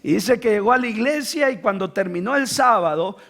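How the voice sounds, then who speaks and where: Male pastor, very high voice, fervent sermon delivery with shouted peaks. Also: animated, a little fast. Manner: fervent preaching that swells into shouting, with rhetorical questions.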